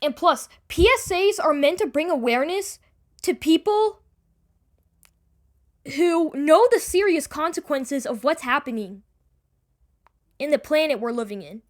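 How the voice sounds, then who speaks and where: A woman giving an unscripted, defensive personal explanation to an online audience, rambling and halting with repeated words and casual swearing. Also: high-pitched, lively intonation. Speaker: online creator addressing the audience. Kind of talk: unscripted personal apology and self-defence video.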